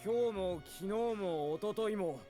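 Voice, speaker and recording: A man's voice: high voice, fairly quick, mellow, faint music behind, lightly acted. An actor playing a sleepless, irritable king in an audio drama, imperious and scolding. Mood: irritated, haughty.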